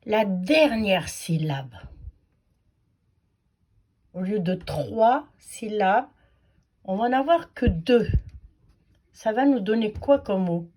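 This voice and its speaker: A woman's voice: on the high side, a little mellow. A woman teaching a patient, sing-song phonics lesson to young children.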